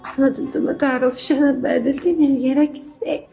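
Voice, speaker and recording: A woman's voice: sits high, steady tone, fast talker, vocal fry, mellow, soft background music. A woman playing a young wife thrown out onto the street, pleading and fearful. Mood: tearful. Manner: pleading, tearful.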